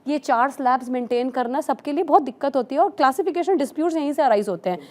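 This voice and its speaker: A woman speaking as a tax expert on a news panel, explaining in a steady, explanatory way and mixing English terms into her talk. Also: high voice, fast.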